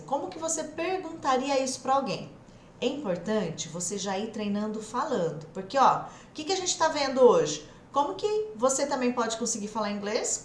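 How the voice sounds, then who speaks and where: A woman from Brazil teaching English in a live online lesson, coaxing her students and slowly sounding out English phrases. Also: fairly high pitch. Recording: echoey room, faint background noise.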